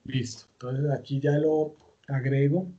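A man's voice: mid-range voice, flat delivery, a little slow, mellow, husky, highs cut off. A man teaching a recorded online class, walking through each step patiently with many fillers and self-corrections. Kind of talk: recorded online class, screen-share tutorial.

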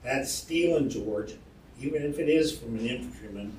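A man's voice: mid-range voice, moderate pace, a little mellow, slight background noise, lightly acted. A man reading aloud while voicing an angry soldier who answers in curt, growling retorts. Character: angry soldier pushed too far, grim and threatening. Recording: roomy hall, distant mic, faint ambience.

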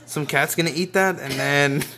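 Young man filming friends, casual chat, somewhat high pitch, audible music behind. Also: moderate pace.

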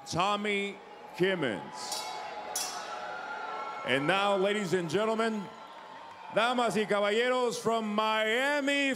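Booming man drawing out fighter introductions. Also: long reverb tail. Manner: drawn-out, dramatic announcing of names. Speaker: ring announcer. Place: boxing arena with a crowd. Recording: arena broadcast with background noise.

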